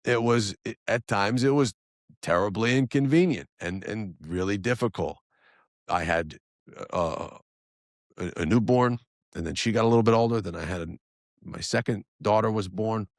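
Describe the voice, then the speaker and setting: Male podcast host, thirties, very low and dry, chatty, full of restarts and asides. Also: normal speed, no echo. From New Jersey area. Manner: conversational, frequent restarts and asides. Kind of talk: solo podcast monologue.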